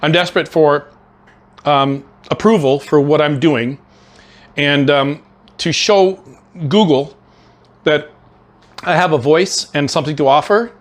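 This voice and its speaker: A man's voice: on the high side, unhurried, pauses often. A middle-aged man hosting his own cooking channel from his home kitchen, chatty and enthusiastic, with lots of fillers and restarts. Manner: talks with mouth full while tasting. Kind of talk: casual cooking vlog.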